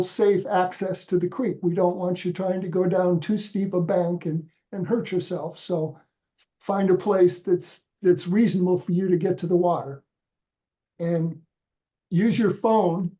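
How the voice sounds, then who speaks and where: On lo-fi sound, a man with a high-sitting, mellow voice speaks through the congestion of a head cold. He's a volunteer trainer guiding volunteers patiently through a website on a video call, step by step, with many restarts.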